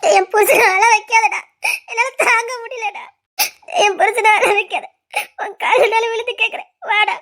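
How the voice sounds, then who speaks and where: A desperate wife with a Tirunelveli Tamil accent, begging tearfully over and over, as an actress plays her. Her voice sits extremely high and rings sharp and bright. The acting is melodramatic and shrill. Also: moderate pace, exaggerated voice. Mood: tearful pleading. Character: distraught wife pleading for her husband. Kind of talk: melodramatic web-series acting.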